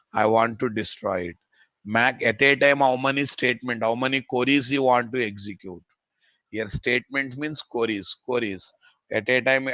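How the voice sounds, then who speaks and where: With a Telugu Indian accent, a male instructor leads a live programming class, repeating his phrases and checking that his students are keeping up. His mid-range voice has a sharp tone, and there's no echo.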